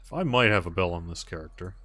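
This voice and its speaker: A man's voice: deep voice, lively intonation, fast talker, pushed and bright, no room sound. A man hosting a gaming livestream, chatting casually and thinking aloud in an easygoing way as he answers viewers. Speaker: livestream host playing a game.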